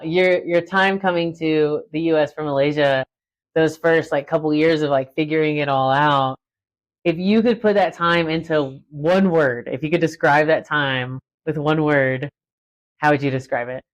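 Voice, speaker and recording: Low-voiced woman hosting an interview. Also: fairly even intonation, normal speed, no room sound, lo-fi sound. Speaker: podcast host. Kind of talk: interview questions.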